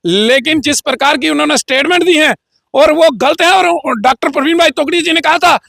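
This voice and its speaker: A man's voice: very high-pitched, fairly quick, creaky, pushed and bright, dry recording, clean studio sound. A man as an interview guest giving a heated, combative political statement with frequent filler phrases. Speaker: interview guest, local group leader.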